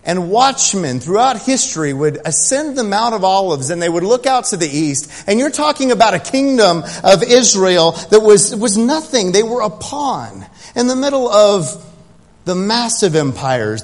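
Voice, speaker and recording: A male pastor preaching in a church sanctuary, his slightly higher-than-usual voice rising to emphatic peaks. The sound carries a long hall reverb. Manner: building from quiet prayer to loud, emphatic preaching. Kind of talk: sermon.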